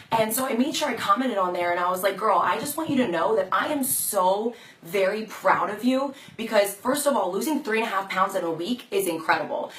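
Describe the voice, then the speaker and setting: A woman with a hoarse, fading voice, chatting casually and encouragingly to viewers as a fitness coach on a live video. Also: medium pitch, fairly bright tone. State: hoarse, losing her voice. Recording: echoey room, distant mic, some noise.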